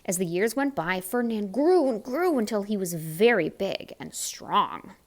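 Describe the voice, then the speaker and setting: A woman's voice: medium pitch, expressive, a little slow, darkish tone. A woman reading a children's story aloud expressively, with chatty asides and questions to the young listener. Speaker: picture-book reader.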